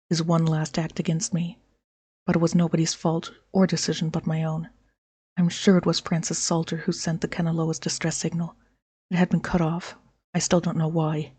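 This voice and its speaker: A woman narrates written notes from a game, reading them aloud. Her voice is dark and rough-edged, with very little room sound around it. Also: deep voice, no echo. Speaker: gameplay narrator.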